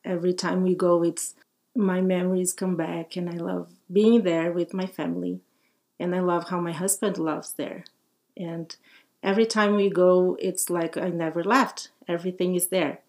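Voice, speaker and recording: Casting: middle-aged woman from Brazil, fairly low voice, friendly and laughing guest. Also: steady tone, normal speed, darkish tone. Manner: friendly, laughs often, simple phrasing. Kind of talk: casual interview talk.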